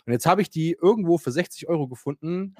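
A man's voice: on the high side, fast talker, no echo, studio quality. A man telling a story in casual chat, ranting animatedly, acting out quotes and swearing casually. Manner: animated, rants and acts out quotes; swears casually, many fillers.

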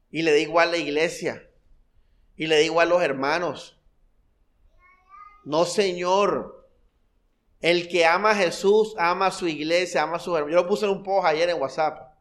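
A fervent male pastor preaches in a church hall. His voice sits a touch high for a man, and he keeps firing rhetorical questions and repeated phrases at the congregation, dropping soft and low before rising to loud, high bursts. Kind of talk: sermon.

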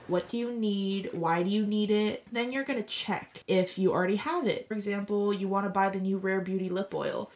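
A woman's voice: medium pitch, darkish tone. A young woman co-hosting a podcast in casual, joking chat, firing off rhetorical questions. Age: young adult. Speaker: podcast co-host. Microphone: remote call recording.

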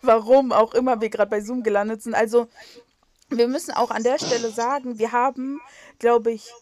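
Slight background noise accompanies a young woman from North Rhine-Westphalia co-hosting a casual podcast over a video call, rambling and self-mocking with lots of fillers and restarts. Her voice is on the high side with a darkish tone, fairly even intonation, and a moderate pace.

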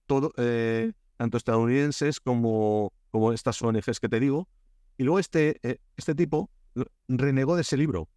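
A Spanish-accented man from Spain, speaking at medium pitch, is a guest on a laid-back podcast interview where he's treated as a Korea expert. He tells stories with lots of energy, stumbling through fillers and restarts. The audio is studio quality with no echo.

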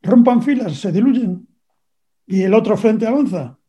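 Older Spanish man, husky and dark. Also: sits high, lively intonation. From Spain. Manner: deliberate and argumentative, pausing on fillers. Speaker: retired navy captain, guest. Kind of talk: radio interview answer. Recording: dull lo-fi recording.

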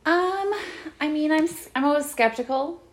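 A woman's voice: sits high, normal speed, a little hiss or hum. A woman co-hosting a podcast, chatting wryly about films and laughing often. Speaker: podcast co-host. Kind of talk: casual film chat.

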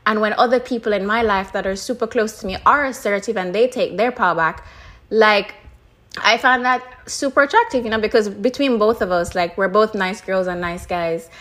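A woman hosting a solo podcast, talking through personal reflections in a candid, chatty way, full of "like" and "you know" and quick laughs. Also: medium pitch, fairly bright tone. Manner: casual and chatty, many fillers like "like" and "you know"; candid, laughs now and then. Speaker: podcast host.

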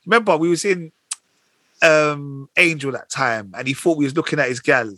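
A man's voice: fairly high pitch, normal speed, pushed and bright, no echo. A man with a London accent in heated, slangy casual banter, arguing his points. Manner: slangy, argumentative.

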